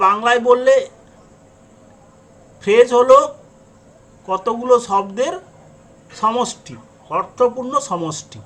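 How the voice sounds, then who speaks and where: A man's voice: sits high, a bit bright, slight background noise, poor audio. A man teaching an English grammar lesson in a classroom style. He asks questions and answers them himself, and he repeats his examples patiently.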